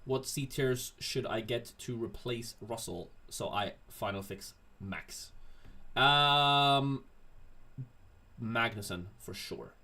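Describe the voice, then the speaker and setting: This Swedish livestream host speaks slowly in a mid-range voice that sounds pushed and bright. He's keeping things casual as he reads viewer questions from chat and answers them.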